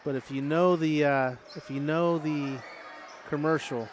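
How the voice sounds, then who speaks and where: A man calls a high school basketball game play by play, slightly high-voiced and chatty, tossing in jokes between plays. The crowd and game sounds in the gym run clearly underneath. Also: steady tone, a little slow. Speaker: play-by-play announcer. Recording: noisy gym broadcast.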